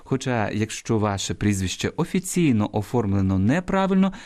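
Lively, didactic male radio host. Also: lowish voice. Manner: didactic, spells out examples slowly and emphatically. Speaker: radio language program host. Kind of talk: scripted radio talk answering listener questions.

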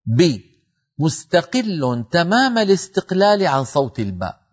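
A man teaching Quran recitation on a televised lesson, explaining step by step with rhetorical questions to his listeners and slowly demonstrating each sound. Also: fairly high pitch, sing-song, muffled recording. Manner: addresses the audience as brothers with rhetorical questions.

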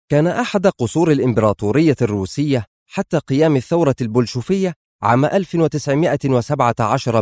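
A man reads a spy thriller aloud in a steady, dramatic storytelling voice of medium pitch. The recording is close and dry, with no room sound. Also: no echo. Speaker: narrator. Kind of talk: scripted audiobook narration.

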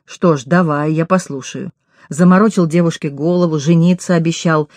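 A woman reading an audiobook voices a calm, stern young man who speaks curtly and with contempt. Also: deep voice, moderate pace, no room sound, natural voice. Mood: cold, contemptuous. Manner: cold, curt, contemptuous.

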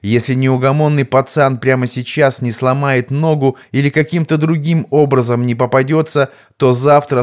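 A man narrating an audiobook in a steady, even storytelling delivery. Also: medium pitch.

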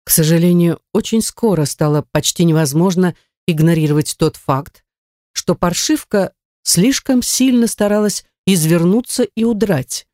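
An audiobook narrator reading a novel with a steady, even storytelling delivery. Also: medium pitch, normal speed, no echo, studio quality. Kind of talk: scripted narration.

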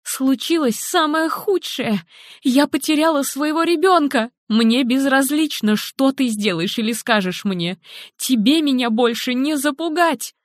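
A woman narrator puts on a frantic young mother, her voice pushed high and shrill, breaking into sobs. The storybook reading is close and dry. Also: measured pace, dry recording. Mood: hysterical. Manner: shrill, sobbing, near-hysterical. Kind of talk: audiobook character voicing.

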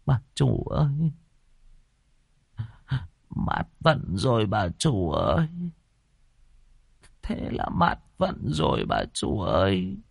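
A man voicing a grieving old female housekeeper who laments in a soft wail, in a horror story reading. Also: on the low side, wildly swooping pitch, slow, vocal fry, long pauses, breathy edge, dry recording, studio quality, full character voice. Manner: quiet wailing lament.

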